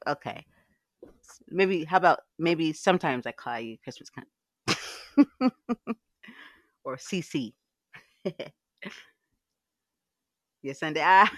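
A woman's voice: sits low, a bit bright, dry recording. A woman hosting a casual live audio chat, frank and swearing freely, laughing often. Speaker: livecast host.

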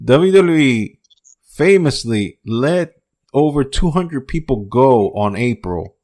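A man's voice: mid-range voice, slow. A man hosting a casual wrestling podcast, ranting with lots of swearing and some words. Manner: profane, animated ranting. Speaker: podcast host.

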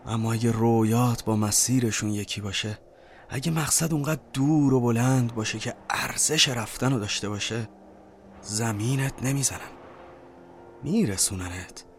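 A free-spirited dreamer, played by a male actor, muses poetically in an audio drama. His mid-pitched voice drifts toward hushed tones over faint ambient noise. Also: natural voice. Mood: tender, encouraging. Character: dreamy free-spirited man, tenderly urging courage.

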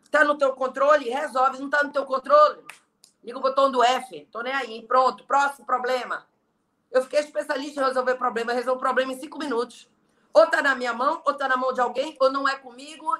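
A middle-aged Brazilian woman speaks in a high, bright voice with a Brazilian Portuguese accent. She is an interview guest who lectures bluntly and with emphasis, preaching self-reliance. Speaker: guest, entrepreneur and online leader. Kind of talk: motivational interview talk.

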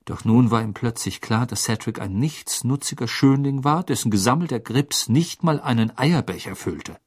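A man narrating an audiobook in an expressive storytelling manner. His voice is husky and moves widely in pitch. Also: moderate pace. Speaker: audiobook reader. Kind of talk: scripted narration.

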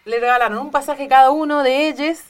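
A woman's voice: high voice, fairly even intonation, brisk. A woman from Corrientes with an Argentine accent, telling a story in casual chat and acting out the quoted voices. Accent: Argentine Spanish.

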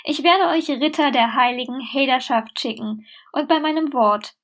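A woman voicing a cheerful, cunning sheep that speaks sweetly and slowly in a storybook reading. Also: high voice, fairly bright tone. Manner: sweet, measured and sly.

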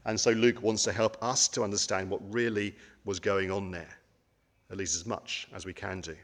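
A man's voice: fairly low pitch, steady tone, normal speed. Man preaching in a reverberant hall. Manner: conversational, with frequent ums and rhetorical questions. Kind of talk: sermon.

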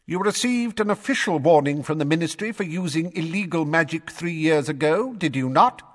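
A pompous, blustering official reels off formal charges in a raised, self-important voice, as a male narrator puts him on. The pitch climbs high and swings widely, with a long reverb hanging on the voice. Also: expressive, normal speed, fairly bright tone. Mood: badgering. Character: blustering testy male minister, middle-aged official.

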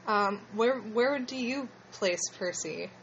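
A woman's voice: medium pitch, slow, a bit bright, highs cut off, a little hiss or hum. A woman with a slushy lisp hosting a casual fan discussion in a hesitant, rambling way. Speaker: podcast host.

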